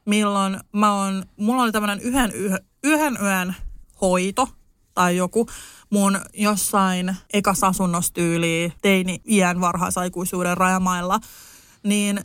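Young woman, podcast co-host, casual lively storyteller, dry recording. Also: clear, resonant tone, no echo. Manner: animated, lively storyteller with sudden high outbursts.

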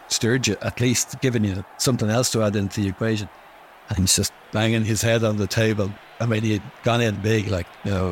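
A man's voice: lowish voice, a little hiss or hum, low-quality recording. A man telling an anecdote, acting out both sides of a conversation. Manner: halting storytelling, quoting dialogue back and forth. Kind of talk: anecdote told in an interview.

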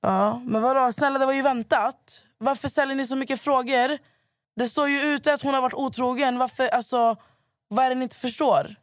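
A hoarse woman hosting a podcast, ranting in casual chat and swearing a lot. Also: high voice, fairly even intonation, no room sound, clean studio sound. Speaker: podcast host.

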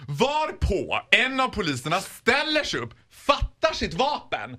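A man, a guest on a morning radio show, telling a comic story in an animated way, laughing and acting out the scenes. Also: sits high.

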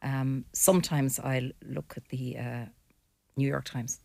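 A woman's voice: a bass voice, fairly even intonation, slow pace, vocal fry, darkish tone, no echo. An older woman with a west of Ireland accent, talking casually and bluntly as a guest on a panel discussion. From Mayo, west of Ireland.

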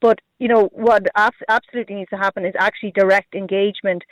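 A man's voice: high-pitched, fairly even intonation, quick pace, dry recording, highs cut off. A man with a west of Ireland accent answering as a politician in a radio interview, hesitant and repeating himself. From Galway, Ireland. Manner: hesitant, repetitive, heavy use of "you know" and "like". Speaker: politician, party representative.

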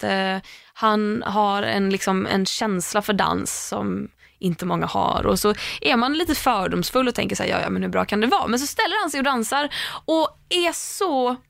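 A woman co-hosting a podcast, chatting casually and telling an animated story, swearing freely. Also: a little high, creaky, no room sound, clean studio sound. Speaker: podcast co-host. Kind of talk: casual chat.

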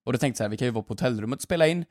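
A young man, a podcast co-host telling a lively story in casual chat and swearing freely. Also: medium pitch, no room sound, studio quality.

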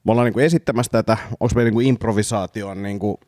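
A man's voice: on the low side, a little mellow, no room sound, clean studio sound. A man hosting a comedy podcast, talking casually and hesitantly with many fillers. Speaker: podcast host. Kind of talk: casual chat.

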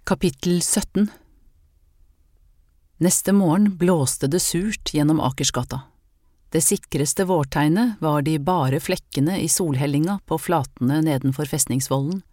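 Low-voiced woman narrating an audiobook. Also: warm tone, no room sound, clean studio sound. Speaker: audiobook reader. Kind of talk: scripted narration.

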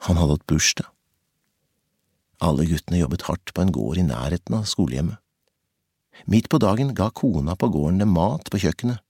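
A man narrating a novel as an audiobook in a measured, intense storytelling manner. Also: deep voice, expressive, warm tone, slightly rough, dry recording, studio quality.

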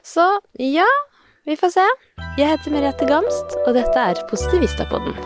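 A woman's voice: sits high, loud music behind the voice. A woman in her thirties hosting her own podcast, telling a story in a chatty, self-mocking way, recorded outdoors. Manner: chatty, self-mocking, animated retelling with laughs. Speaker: podcast host. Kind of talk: casual storytelling monologue. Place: outdoors in the sun by a shed.

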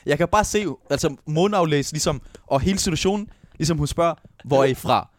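A man's voice: fairly high pitch, a little hiss or hum. A man, co-hosting a podcast in casual chat, eagerly cutting in to add his side of the story. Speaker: podcast co-host.

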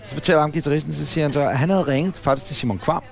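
A man's voice: a little high, creaky. A man chatting casually on a podcast recorded in a café, telling a long, rambling anecdote. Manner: rambling, animated anecdote-teller. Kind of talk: casual storytelling chat.

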